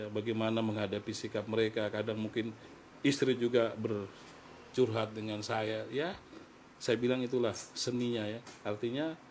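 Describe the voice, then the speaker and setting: A middle-aged man speaks in a talk-show conversation, earnest and fatherly, as he recounts raising and coaching a young player. His pitch sits at an ordinary middle level, with a faint hiss of background noise in the recording. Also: poor audio. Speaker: guest, foster father and football mentor. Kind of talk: heartfelt conversational storytelling.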